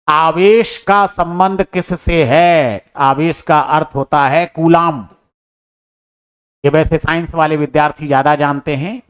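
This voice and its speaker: Slow, higher-pitched man teaching. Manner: explains step by step, asks questions and answers them himself; addresses students as brother. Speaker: teacher solving an exam paper. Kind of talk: exam answer-key lesson.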